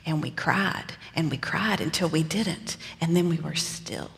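Woman preacher playing Mary as a young mother, low and gravelly, slow and earnest, chatty asides, for a first-person sermon in a church with a long, ringing hall reverb. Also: fairly bright tone, full character voice. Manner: conversational, earnest storytelling with casual asides. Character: Mary, young mother recalling her story.

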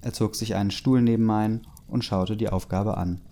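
A man's voice: fairly low pitch, fairly even intonation, moderate pace, mellow. A young man casually reading a fan story aloud, breaking in with his own asides and chuckles. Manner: reads loosely, interrupts with asides and chuckles. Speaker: story reader.

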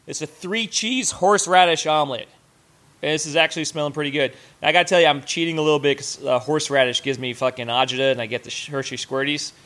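A man hosts his show with sarcastic, profane rants that speed up when he gets going. His voice sits slightly high for a man. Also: steady tone, fast talker, fairly bright tone. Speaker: host of a sports fan podcast. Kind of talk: casual ranting commentary while cooking.

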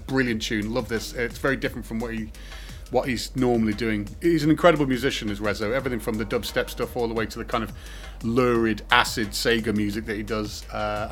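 A man's voice: medium pitch, fairly bright tone. A man hosting a podcast, chatting casually and joking, with lots of fillers. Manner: rambling, jokey, full of fillers. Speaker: podcast host. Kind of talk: casual chat. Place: remote call. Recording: music playing behind.

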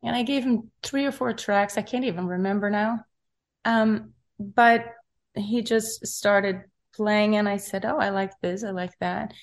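Brief: middle-aged woman, reflective interview guest, gentle pauses, mid-pitched voice. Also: steady tone. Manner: soft-spoken, searching for words, many fillers. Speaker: recording artist interviewed.

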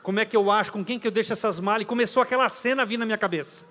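A man preaching a storytelling sermon with a dramatic delivery, sometimes shouting. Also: sits high, racing, in a large hall.

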